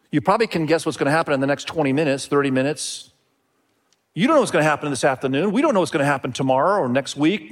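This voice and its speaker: A middle-aged pastor who grew up in Indonesia preaches a sermon with a slightly raised voice. He stays earnest and repeats his phrases, now and then calling out to the congregation. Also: on the high side.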